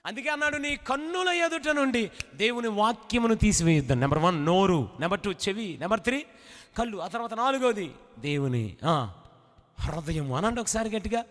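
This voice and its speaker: A man's voice: high voice, animated, moderate pace, a bit bright. A male pastor preaching and leading his congregation in call-and-response. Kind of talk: sermon. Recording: echoey hall reverb.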